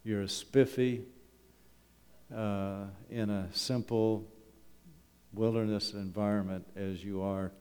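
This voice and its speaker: A middle-aged or older Canadian man, principal of a wilderness school, presents a folksy, humorous talk with slides to a congregation in a church hall, frequently using rhetorical questions. He speaks slowly in a lowish, steady voice with a darkish, clean tone, and the hall's long reverb makes it echoey.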